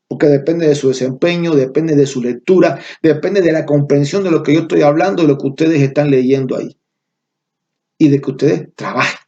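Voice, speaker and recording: This middle-aged Cuban man speaks with a Cuban Spanish accent while giving an online university lecture, emphasizing key terms and checking in with his students. His voice sits fairly high with a darkish tone, and the audio sounds dull.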